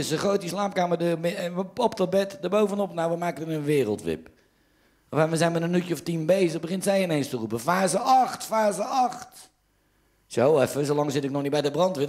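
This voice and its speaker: A man with a Dutch accent telling stand-up jokes in a lively storytelling manner. His voice sits a little higher than most men's. He jumps up in pitch for quoted lines and drops back for the narration. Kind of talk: joke telling.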